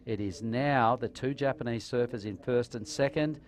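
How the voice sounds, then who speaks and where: A man's voice: medium pitch, normal speed. A man commentating live on a surf contest in a laid-back surfer announcer manner with colloquial slang.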